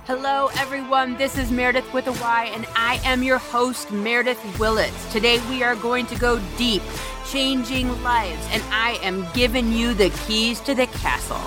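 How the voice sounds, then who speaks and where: A woman's voice: on the high side, fairly even intonation, moderate pace, music in the background. Sing-song woman announcing a podcast welcome. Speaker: podcast host.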